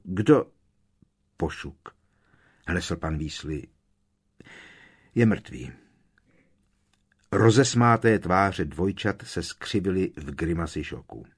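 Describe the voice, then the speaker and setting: A man reads a novel aloud with a low, husky voice. His narration is measured and solemn, steady from line to line. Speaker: audiobook narrator. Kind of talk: scripted narration.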